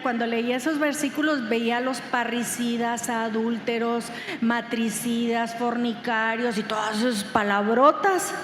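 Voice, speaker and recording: A woman pastor with a Mexican accent preaching a conversational sermon, asking rhetorical questions and acting out quoted dialogue in lively voices. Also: a little high, slight background noise. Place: church hall. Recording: echoey church hall with long reverb.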